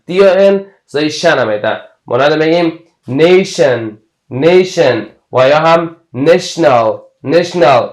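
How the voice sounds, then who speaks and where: A man with an Afghan Dari accent teaches English spelling, carefully repeating each example word and then giving its meaning. His voice sits a little high, and the room around him rings with echo. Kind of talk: explaining English letter combinations.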